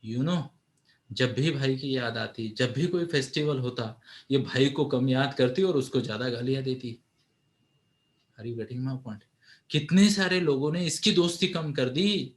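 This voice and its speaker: Animated, higher-pitched male motivational speaker. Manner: animated, engaging, asks the audience questions. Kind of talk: motivational storytelling talk to an audience.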